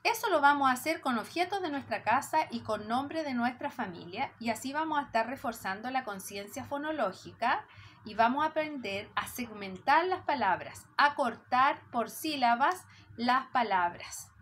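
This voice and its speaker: A woman teaching preschoolers, patient and warm, stretching out syllables as she counts them. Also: high-pitched, expressive, normal speed, a little hiss or hum. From Chile. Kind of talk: slow lesson for young children.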